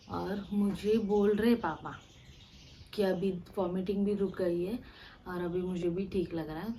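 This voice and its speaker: A young woman vlogger telling a personal story to camera, halting and restarting, with many fillers and English words mixed in. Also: on the low side, mellow, a little hiss or hum, poor audio. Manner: mixes English words into Hindi.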